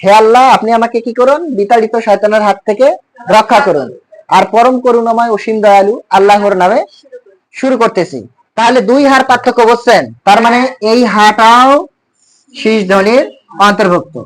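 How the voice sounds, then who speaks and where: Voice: medium pitch, fairly even intonation, brisk, rough recording. A teacher, giving a classroom lesson on speech sounds, explaining patiently and quizzing students with repeated terms.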